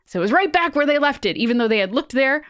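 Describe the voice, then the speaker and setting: A woman co-hosting a podcast, retelling listener ghost stories in an animated, joking way. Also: high-pitched, quick pace, no echo, clean studio sound. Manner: animated, swears and laughs. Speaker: podcast co-host. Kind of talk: casual podcast chat, reading listener stories.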